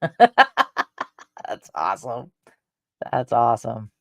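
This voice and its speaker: Slow, rambling woman in her fifties. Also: rumbling low, sing-song, gravelly, no room sound. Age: 50s. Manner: meandering, with frequent hesitations and restarts. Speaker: channel host. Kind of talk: rambling casual chat.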